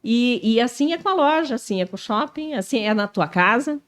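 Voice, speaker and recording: This Brazilian shopping mall executive in her early fifties, with a southern Brazilian accent, appears as a guest in a relaxed interview. Her voice is on the high side and a little fast, lively and full of the tag question "né."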